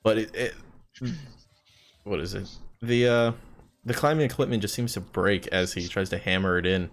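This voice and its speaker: Man game master, low voice, loose sweary narration, filler words. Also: normal speed. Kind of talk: narrating a tabletop game on a live stream.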